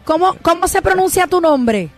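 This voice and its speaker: A woman with a Puerto Rican accent co-hosting a casual radio show, talking in quick animated bursts. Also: very high-pitched, soft background music. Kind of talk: casual radio chat and interview.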